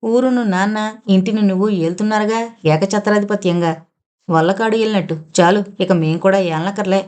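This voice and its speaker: A defiant young man snaps back at his mother with scorn, as a woman reading the novel puts him on. His lines are curt, mocking and sarcastic. The pitch stays middling. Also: normal speed, darkish tone, natural voice.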